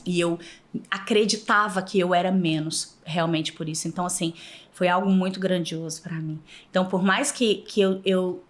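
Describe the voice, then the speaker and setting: A former flight attendant from Minas Gerais, Brazil, tells lively stories as a podcast guest in a casual interview, speaking with a Mineiro Brazilian Portuguese accent. Her voice is lowish at normal speed, and she's animated, laughing often and acting out past dialogue.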